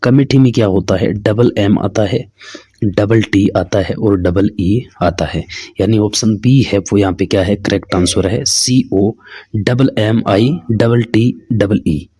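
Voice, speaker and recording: Warm, husky and fairly low, this man's voice takes its time in clean studio-quality audio with no room sound. Leading an exam-prep English lesson, he calls his listeners "friends" and asks questions only to answer them himself.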